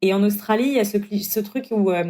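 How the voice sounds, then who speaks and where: A young adult woman telling a personal story in casual chat, acting out the dialogue with big leaps in pitch. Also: fast talker. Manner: animated, acts out dialogue with big pitch jumps. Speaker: guest telling her story.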